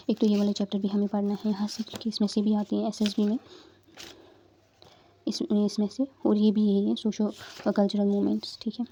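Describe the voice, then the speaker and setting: Flat-voiced young woman explaining study plans. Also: medium pitch, muffled recording, a little hiss or hum. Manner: explains step by step, frequent fillers and checks. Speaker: exam prep tutor. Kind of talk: casual study-guidance talk.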